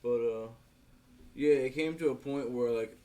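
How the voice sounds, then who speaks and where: On a casual podcast, a tattoo artist appearing as a guest rambles in a relaxed, laid-back way and swears a lot. His voice has a medium pitch, a dark tone, and a moderate pace, picked up by a podcast mic.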